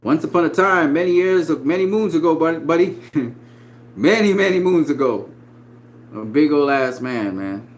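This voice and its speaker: A man in his forties giving casual, profane boxing opinions, swinging between loud emphatic bursts and quiet asides. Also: fairly high pitch, expressive, moderate pace, slight background noise, low-quality recording. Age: 40s. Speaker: boxing commentator.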